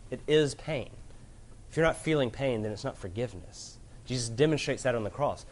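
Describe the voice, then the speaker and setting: A man preaching a sermon to a room of listeners, earnest, moving from loud emphasis to hushed gravity. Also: mid-range voice, a little fast. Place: room with an audience.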